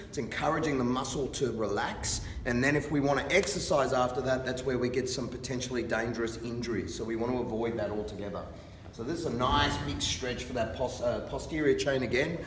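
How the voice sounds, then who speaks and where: A man working as a fitness instructor, explaining exercises in a careful, unhurried and encouraging manner. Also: mid-range voice. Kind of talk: instructional exercise demonstration with coaching cues. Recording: distant mic, reverberant hall, background noise.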